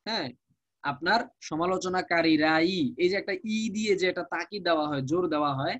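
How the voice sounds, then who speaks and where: Teaching Quranic Arabic live online, a Bangladeshi Bengali-accented man explains at a slow pace and says each word again with its meaning. His voice is a little high, and the lo-fi audio carries no room sound.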